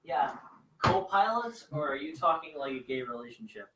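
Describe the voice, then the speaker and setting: A young man co-hosting a casual podcast chat, teasing and animated. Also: fairly high pitch, normal speed, a little hiss or hum. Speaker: podcast co-host. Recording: roomy echo.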